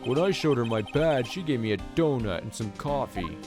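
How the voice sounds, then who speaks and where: A man voicing a bumbling, soft-hearted police detective with a blunt, blustering, matey manner in a video game read-aloud. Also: medium pitch, expressive, normal speed, music in the background, lightly acted. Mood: fond. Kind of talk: hobby video game voice-over.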